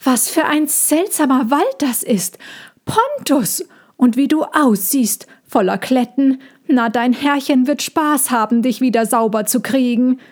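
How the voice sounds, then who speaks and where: Woman as an excitable storybook cat, high, quick to fret. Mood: surprised. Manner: high, chattering, fretful. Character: excitable female cat, chatty and fussy.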